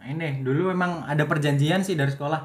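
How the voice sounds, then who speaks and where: Young man rambling, laughing, higher voice. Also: fast talker. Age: young adult. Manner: rambling, self-interrupting, laughs often. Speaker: guest. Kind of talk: casual podcast chat.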